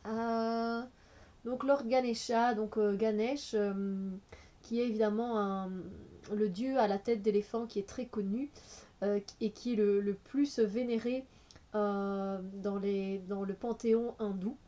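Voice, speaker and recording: A woman's voice: mid-range voice, steady tone, a little slow, warm tone. A woman with a cold, reviewing an oracle card deck in a casual, hesitant way with many fillers. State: has a cold.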